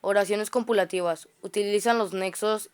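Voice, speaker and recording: A woman's voice: mid-range voice, fairly even intonation, normal speed, smooth. A woman reading grammar study notes aloud, often stumbling and restarting words. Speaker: student reciting study notes.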